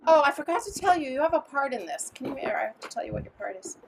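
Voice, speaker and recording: A woman telling a story to children at a family gathering at home, in a playful, animated way with dramatic swings in pitch. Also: fast talker, creaky, very noisy. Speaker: storyteller at a family Passover seder.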